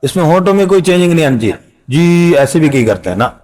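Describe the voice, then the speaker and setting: A middle-aged man teaching Quran reading in a casual spoken lesson, explaining patiently and repeating phrases and drawn-out letter sounds. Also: fairly high pitch, animated, darkish tone.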